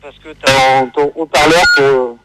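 A man's voice: medium pitch, fairly even intonation, a little slow, over loud music. A man phoning into a radio show. His voice comes through a phone line into the studio, and he speaks in a loose, chatty way. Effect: caller heard over a phone line into the studio. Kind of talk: casual phone-in chat.

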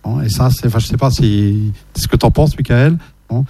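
Dark-voiced hesitant male host. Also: medium pitch, a little fast, husky. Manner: hesitant, many fillers and restarts. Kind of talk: casual radio discussion. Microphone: shared microphone.

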